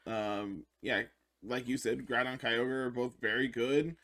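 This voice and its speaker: Brief: male podcast host, friendly and upbeat, quick interjections, mid-range voice. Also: medium pitch, steady tone, a bit bright. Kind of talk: casual gaming podcast chat.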